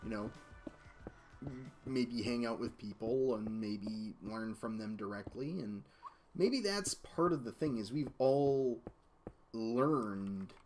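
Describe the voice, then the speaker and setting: A man's voice: slow, a little mellow, faint music behind. A man streaming a game from home, chatting casually in a rambling way and reading viewer comments aloud. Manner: rambling, reads chat aloud, talks to baby in a high voice. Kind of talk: casual live-stream chat while gaming. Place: home, baby in lap. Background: keyboard clicks and typing.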